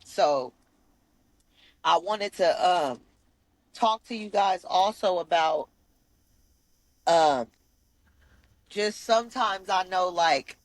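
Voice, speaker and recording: A woman's voice: lowish voice, expressive, slow pace, long pauses, dry recording. A woman co-hosting a podcast in casual chat, candid and venting, swearing freely. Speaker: podcast co-host.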